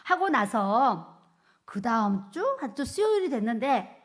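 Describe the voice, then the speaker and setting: A woman's voice: fairly high pitch, sing-song, a little slow. A woman pastor giving a testimony sermon, telling her story vividly and acting out the quoted speech.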